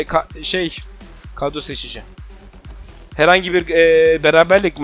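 A man with a high voice plays a football video game on stream, yelling at his players and cursing the referee. Between attacks he drops to a low mutter while he changes tactics. Faint game music runs behind him. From Turkey. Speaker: gaming YouTuber. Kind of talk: live gameplay commentary.

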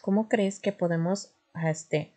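A woman teaching a grammar lesson, patient and careful, often pausing with fillers and correcting herself. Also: lowish voice, mellow. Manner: patient, self-correcting, frequent "este" fillers.

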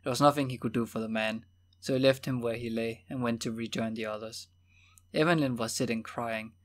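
A man narrating a novel as an audiobook in a steady, measured reading voice. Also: medium pitch. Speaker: audiobook reader.

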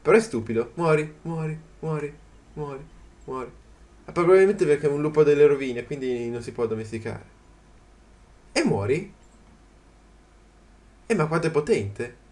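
A man giving casual commentary as he plays a video game, chatty and quick to yelp in surprise. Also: on the high side, expressive, darkish tone. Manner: chatty, jumps to startled yelps at the game. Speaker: gaming channel host. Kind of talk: let's play commentary.

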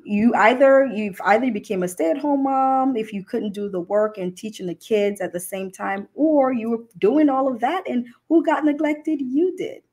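Woman host, higher pitch, upbeat, affirming, tag questions, livestream chat. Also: normal speed, few pauses, darkish tone. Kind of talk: livestream conversation.

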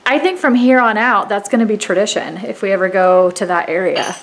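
A woman's voice: medium pitch, a little fast, rough recording. A woman in her thirties chatting casually to her phone camera at home, giggly and sometimes dropping to a near-whisper. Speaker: vlogger. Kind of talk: casual vlog chat. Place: indoors at home. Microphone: phone camera held close.

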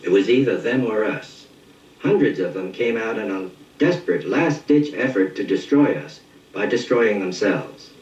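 An older man, a veteran officer, giving measured testimony for a documentary. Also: fairly low pitch, a little mellow. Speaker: veteran fighter director officer interviewed. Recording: muffled, echoey distant TV re-recording.

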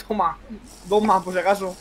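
A man from playing a game with friends, talking quickly and joking. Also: sits high, fairly even intonation, a bit bright, rough recording. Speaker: co-player. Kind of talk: casual game chat.

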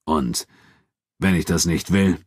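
A surly, scornful male troupe leader in a spoken storybook, played by a man reading it. He growls his lines in a deep, low voice with open contempt. The recording is dry and close. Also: slow, husky, no room sound, full character voice.

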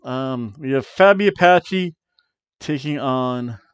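This is a middle-aged man hosting a wrestling review show, casually predicting outcomes to camera from a small home room over a headset mic. He playfully rolls R's on wrestler names and hums dramatic tunes, speaking slowly in a clear, resonant, mid-range voice. The audio is dull, lo-fi, and dry, with no room sound.

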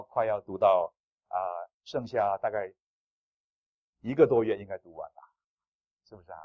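A male pastor preaching a sermon in an animated, playful way, with self-deprecating humor. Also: medium pitch, no echo.

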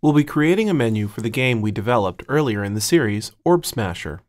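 A man instructing in a step-by-step screencast, speaking in a measured way and dictating code piece by piece into a close mic. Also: mid-range voice, very animated. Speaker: tutorial instructor.

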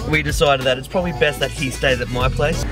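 A man's voice: medium pitch, quick pace, over music. An Australian man in his thirties in casual, joking, sweary vlog chat, filmed at arm's length. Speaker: vlogger. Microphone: handheld camera at arm's length.

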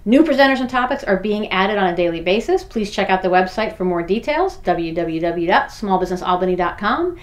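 A woman in her forties promoting a business event to the camera in an upbeat, brisk way, listing the details. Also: medium pitch, animated. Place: in front of backdrop.

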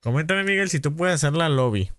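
A man's voice: fairly high pitch, expressive, fairly bright tone, no echo, clean studio sound. A man with a Mexican accent hosting a live gaming stream, greeting viewers in a chummy, casual way. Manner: chummy, calls viewers "padrino", rapid greetings. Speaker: gaming livestream host.

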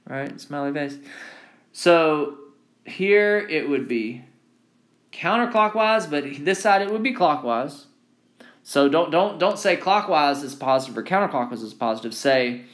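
An engineering instructor delivers an informal lecture with handwritten notes, repeating key phrases for emphasis and often checking in with "right?". His voice is fairly high in pitch and a bit bright.

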